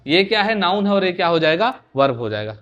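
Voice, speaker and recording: Male teacher, high voice, online exam-prep lecture, drills points with repeated questions. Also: very animated, quick pace, a bit bright, lo-fi sound. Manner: repeats questions back to students, drills answers.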